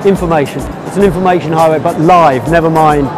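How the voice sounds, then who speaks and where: A man's voice: fairly high pitch, fast talker, crowd noise. Emphatic man over background music. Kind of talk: vox pop interview.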